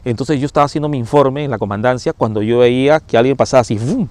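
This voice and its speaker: Firefighter telling a ghost story. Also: male voice, medium pitch, fast talker, a little mellow, clean tone. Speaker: firefighter paramedic. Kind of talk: first-person ghost story told on camera.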